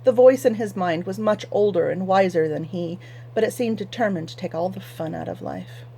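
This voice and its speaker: A woman reading a fantasy novel aloud for a fan book club in a measured storytelling manner. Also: medium pitch, warm tone, breathy edge. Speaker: audiobook reader.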